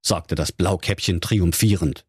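A man's voice: low-pitched, unhurried, darkish tone, husky, no room sound, clean studio sound. A man telling a comic fairy-tale parody in a playful, theatrical way. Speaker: narrator.

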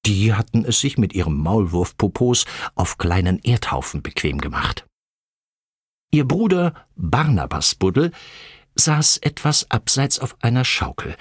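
A man narrating a children's animal story with expressive storytelling. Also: breathy edge, no echo, studio quality. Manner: expressive storytelling with lively pitch.

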